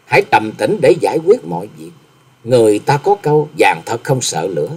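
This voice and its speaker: A man's voice: medium pitch, big pitch swings, vocal fry, mellow, breathy edge, heavily acted. Man as a courteous solemn young swordsman. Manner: measured, polite, consoling.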